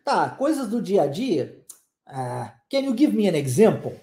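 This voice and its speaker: A Brazilian woman teaching an online English lesson, repeating phrases slowly for students to echo. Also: fairly low pitch, very animated, warm tone. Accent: Brazilian Portuguese.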